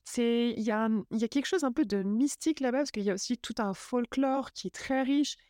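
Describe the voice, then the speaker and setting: A woman's voice: on the high side, brisk, dark tone. A young woman talks casually into a close microphone. She sounds enthusiastic and chatty and often stops to look for her words. The sound is dry, with no room echo. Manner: chatty, enthusiastic, many fillers. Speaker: podcast host. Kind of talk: casual travel chat.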